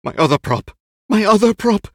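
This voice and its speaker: A man's voice: big pitch swings, a little slow, no echo, clean studio sound. A man playing a frantic, vain old stage actor. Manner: frantic, theatrical, high-pitched outbursts. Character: aging vain Spanish stage actor, nervous and fussy.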